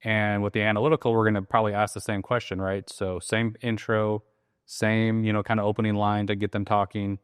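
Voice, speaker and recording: A real estate wholesaling coach with a low-ish, clear, resonant voice talks a little fast in a casual teaching conversation about running sales calls. He's relaxed and frequently acts out the calls, quoting the lines he'd say on the phone. The recording is clean studio sound with no echo.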